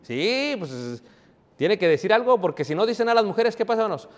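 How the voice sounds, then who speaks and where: High-voiced preacher in an echoing hall. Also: male voice, very animated. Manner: jokes with the congregation, calling on members by name; reads scripture slowly and loudly. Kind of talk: sermon. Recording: echoey hall.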